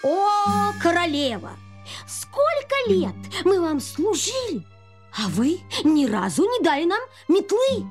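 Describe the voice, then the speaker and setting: Man doing squeaky complaining servant girls. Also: wildly swooping pitch, takes it slowly, over music, heavily acted. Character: young female street-sweeping girls, complaining.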